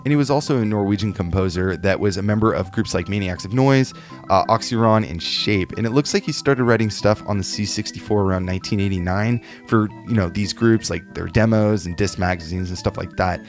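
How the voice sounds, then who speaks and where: Guy with a lowish voice chatting loosely on a podcast, lots of "you know"s. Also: a little fast, soft background music. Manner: relaxed, chatty, with many fillers. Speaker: podcast co-host. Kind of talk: casual chat.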